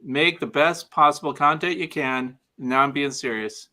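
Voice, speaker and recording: A man chatting as a guest on a livestream video call, giving advice with deadpan dry humor. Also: on the high side, normal speed. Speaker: guest beekeeping video maker. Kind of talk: casual livestream chat.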